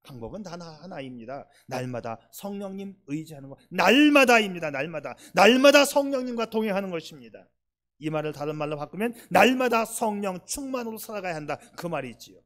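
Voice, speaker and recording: A male pastor preaching a sermon, emphatic, swinging between loud stresses and soft asides, and putting rhetorical questions to the congregation. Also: high-pitched, lively intonation, fairly quick.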